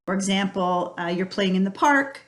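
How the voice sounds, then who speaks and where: A woman's voice: medium pitch, moderate pace, a bit bright. Friendly middle-aged woman teaching parents. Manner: friendly, practical, explains with everyday examples. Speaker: early childhood educator. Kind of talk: instructional talk to parents.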